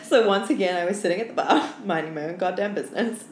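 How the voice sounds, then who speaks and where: With a medium-pitched voice and a quick pace, a young woman co-hosting a podcast shares stories in frank, casual conversation peppered with swearing and the filler "like." Faint background noise and a roomy echo are audible.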